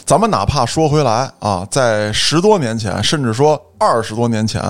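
A man in casual panel talk. His medium-pitched voice makes its points in an emphatic, rhetorical way. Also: expressive, normal speed. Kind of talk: casual chat.

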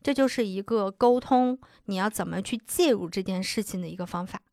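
A woman's voice: mid-range voice, fairly quick, warm tone, no room sound, clean studio sound. A woman in her thirties co-hosting a casual chat, telling stories and acting out quoted lines. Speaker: podcast co-host.

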